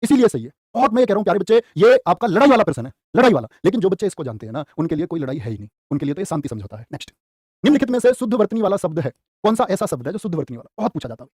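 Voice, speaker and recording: A man teaching spelling in a lively live class, asking questions and quoting couplets. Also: high voice, rapid-fire, no room sound, clean studio sound. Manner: calls students "प्यारे बच्चे". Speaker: Hindi teacher for exam prep. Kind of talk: live online exam-prep class.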